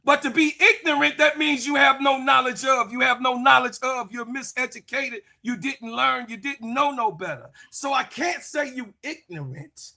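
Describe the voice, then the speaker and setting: A man co-hosting a sports talk show, ranting in heated commentary, fiery and profane, repeating his phrases and often shouting. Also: very high-pitched, moderate pace, creaky, few pauses.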